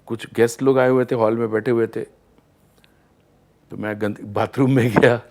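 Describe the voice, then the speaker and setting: A male singer, a guest on a talk show, telling anecdotes in an animated way and often laughing as he goes. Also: medium pitch, normal speed, gravelly. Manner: lively storyteller, acts out scenes and laughs often.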